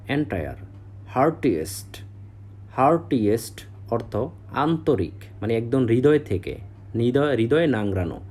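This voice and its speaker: Slow, husky man drilling vocabulary. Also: medium pitch, a little mellow. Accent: Bengali. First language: Bengali. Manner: reads each word, then its meaning, repeating slowly. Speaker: English vocabulary teacher.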